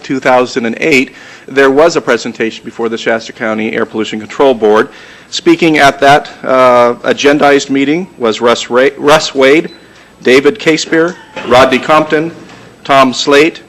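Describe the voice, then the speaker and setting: A man of ordinary pitch chairs a county board hearing in a crowded room. He speaks in formal, procedural terms. When reading names and records, he hesitates with fillers. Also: fairly bright tone, rough recording. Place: crowded public meeting room.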